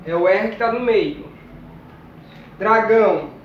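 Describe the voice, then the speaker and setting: Slow, high-voiced teacher in an echoey room. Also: male voice, a little hiss or hum. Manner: slow, deliberate, repeats each word. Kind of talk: classroom lesson, reading a word list. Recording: distant, muffled, echoey room.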